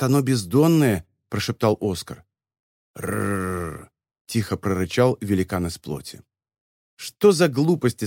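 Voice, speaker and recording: Calm man reading an audiobook. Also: mid-range voice, no echo, clean studio sound. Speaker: audiobook narrator. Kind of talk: scripted narration.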